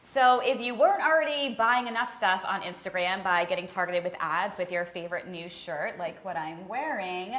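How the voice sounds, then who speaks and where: A woman hosting a live web show, promoting an event and reading social media news in a brisk, promotional way. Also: fairly low pitch, a bit bright, reverberant. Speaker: host.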